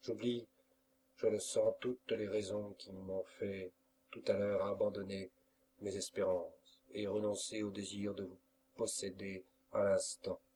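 A man's voice: fairly low pitch, flat delivery, measured pace, mellow, slight background noise, close to an everyday voice. A man voicing an anguished young lover who pleads earnestly, in an audiobook. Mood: pleading.

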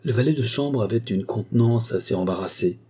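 A man reading a novel aloud as an audiobook narrator, in a measured, steady way. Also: medium pitch, slightly rough. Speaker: audiobook reader. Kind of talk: scripted narration.

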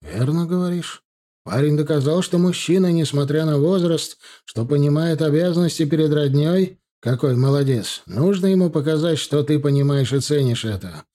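A man's voice: fairly high pitch, normal speed, warm tone, pitched above the performer's own voice, natural voice. A man reading an approving brother-in-law.

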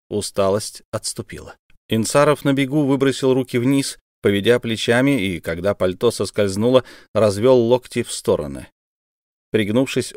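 Low-voiced man narrating an audiobook. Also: a little mellow, no echo, studio quality. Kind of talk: scripted narration.

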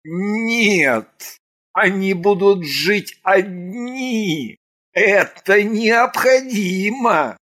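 A woman narrator puts on a rattling, creaky-voiced court mage who barks stern orders. He stretches his words out slowly and raises his voice to insist. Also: mid-range voice, lively intonation, a bit bright, pitched above the performer's own voice, heavily acted. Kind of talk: audiobook character voice.

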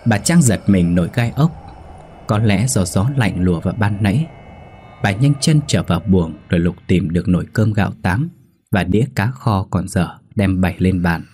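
A man narrating a horror story in a measured, suspenseful way. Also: low-pitched, slight background noise. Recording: soft background music.

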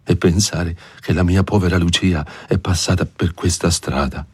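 A man's voice: sits low, steady tone, moderate pace, a little mellow, breathy edge, dry recording, clean studio sound. A man voicing a simple, earnest middle-aged countrywoman.

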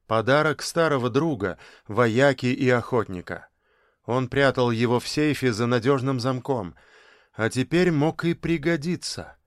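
A man narrating a novel in an even, measured reading. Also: medium pitch, no room sound, clean studio sound. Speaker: audiobook narrator. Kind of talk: scripted narration.

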